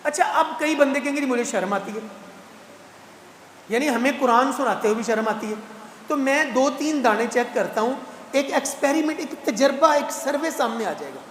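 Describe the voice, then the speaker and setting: A man, giving a lively mosque talk at a Quran gathering and putting playful rhetorical questions to the congregation. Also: very high voice, slight background noise. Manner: animated, teasing rhetorical questions to the crowd. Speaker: guest speaker at a Quran completion gathering. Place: large mosque hall. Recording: echoey mosque hall with long reverb.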